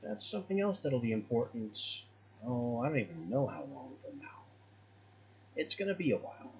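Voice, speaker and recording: Man with animated, swooping gaming commentary. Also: medium pitch, normal speed, rough recording. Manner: wry, conversational, musing aloud. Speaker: gaming video host. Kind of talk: casual let's-play commentary.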